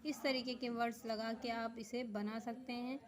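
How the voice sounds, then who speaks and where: A woman teacher giving a grammar lesson, reading definitions slowly word by word, then explaining them quickly. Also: fairly high pitch, little pitch movement, rough recording. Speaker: school teacher.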